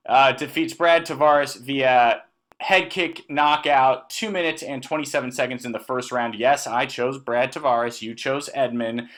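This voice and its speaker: A man co-hosting a casual sports podcast, animated and prone to hesitant restarts as he leads each segment. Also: a little high. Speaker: podcast co-host.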